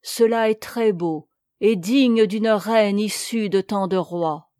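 A dying handmaiden answers with faint, steady pride, voiced by a woman narrator. The speech is slow. The room sound is dry and close. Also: mid-range voice, no echo, lightly acted. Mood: proud, dying. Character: dying loyal handmaiden, young woman, proud. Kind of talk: storybook narration.

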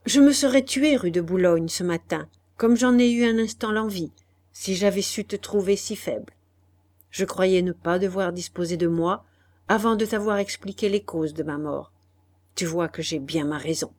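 A woman's voice: fairly high pitch, unhurried, darkish tone, pitched above the performer's own voice, close to an everyday voice. A woman voicing a desperate young wife in an audiobook, reading her lines with strong emotion, pleading and harsh by turns. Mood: grim.

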